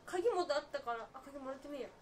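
A young woman streamer with an extremely high voice chats through a game. She sounds anxious and whiny, repeating short words in bursts. Faint noise from the room and game sits behind her. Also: animated, very fast. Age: young adult. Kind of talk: casual live gameplay chat. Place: indoor room, seated beside co-player.

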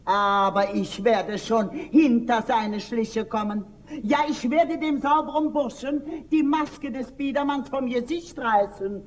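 A woman's voice: on the high side, unhurried, natural voice. A woman playing a fussy, nosy spinster schoolteacher. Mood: scheming. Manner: fussy, indignant, theatrical. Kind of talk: stage comedy acting. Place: theater stage.

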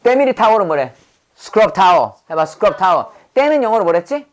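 Woman English teacher, lively classroom drill voice, has learners repeat after her. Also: medium pitch, fast talker. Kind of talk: English vocabulary lesson.

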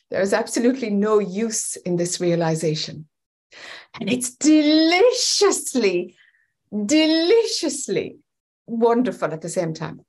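A woman's voice: medium pitch, slow pace. A woman in her fifties, a spiritual teacher, speaking thoughtfully from a home room over a video call and searching for her words. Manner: thoughtful, searching for words, animated hand gestures. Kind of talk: reflective spoken teaching. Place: home room with bookshelves, indoors. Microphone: webcam on video call.

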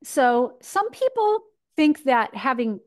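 A woman in her fifties from Michigan, a nutrition speaker answering questions in a chatty, animated way over a video call from her home kitchen. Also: sits high, slow pace. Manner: chatty and animated, gesturing, acts out her own thoughts. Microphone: video call webcam.

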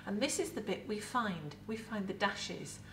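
A middle-aged woman with an English accent, a museum educator in costume, giving a lively, chatty talk to camera about food with props in an indoor set. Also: mid-range voice, measured pace, slight background noise. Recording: roomy echo, voice from a distance.

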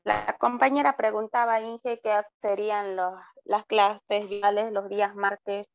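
A woman's voice: medium pitch, flat delivery, a little slow. A female student speaking politely to her teacher during an online class. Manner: polite, relays questions to the teacher. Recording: dull lo-fi video call.

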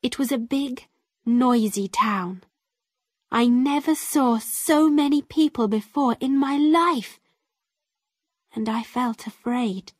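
Woman narrator, very slow reading, fairly high voice, dry close sound. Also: a little mellow, dry recording. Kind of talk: slow graded-reader story narration.

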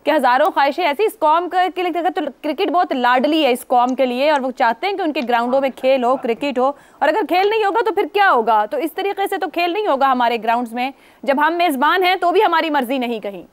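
Lady hosting a tv talk show, high voice, formal and steady. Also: fast, hardly any pauses, dry recording. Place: TV studio.

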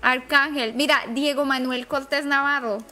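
A woman streaming live to her chat, commentary full of excitable, nervous exclamations. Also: high-pitched, normal speed.

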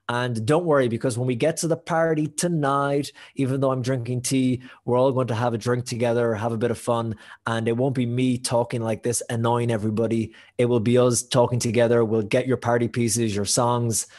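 A man's voice: mid-range voice, a little mellow. A man hosting a live virtual conference as moderator, chatty and upbeat with light jokes between speakers.

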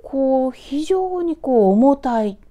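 A woman from Tokyo telling a ghost story in a hushed, dramatic way, sinking into whispers and voicing the eerie sounds herself. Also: high-pitched, animated, takes it slowly. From Tokyo, Japan. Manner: hushed, dramatic, dropping to whispers at tense moments; sound effects voiced aloud. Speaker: ghost story author and narrator.

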